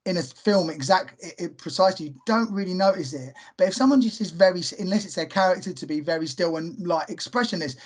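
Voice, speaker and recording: High-voiced man chatting about films. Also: fast, hardly any pauses. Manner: animated, laughs often, jokey asides. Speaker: podcast host. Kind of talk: casual film chat.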